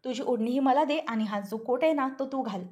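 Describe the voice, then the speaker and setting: A woman voicing a quick-tempered rich young man who scolds and loses patience, in a spoken TV serial recap. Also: high-pitched, darkish tone, close to an everyday voice. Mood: irritated. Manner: scolding, impatient.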